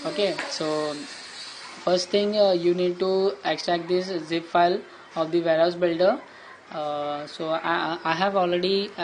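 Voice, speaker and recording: A man giving a plain step-by-step software tutorial over a screen recording, with frequent fillers and restarts. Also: on the high side, slight background noise, low-quality recording. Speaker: tutorial host.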